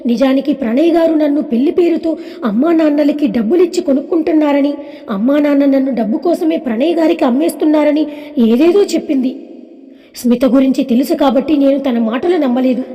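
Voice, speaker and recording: A woman storyteller voicing a heartbroken young woman who speaks softly and haltingly. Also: high-pitched, big-room sound, natural voice. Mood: grieving.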